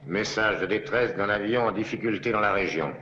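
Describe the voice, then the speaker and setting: A man's voice: lowish voice, brisk, pushed and bright. An actor playing an attentive male supervisor in a control room in a dubbed 1960s TV drama, with clipped, questioning speech. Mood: focused. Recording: dull, hissy old TV soundtrack.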